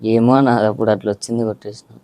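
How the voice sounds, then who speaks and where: A man's voice: on the low side, steady tone, very fast, dark tone. A young man, giving short, subdued, mumbled answers as an interview guest. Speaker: interview guest, reel maker.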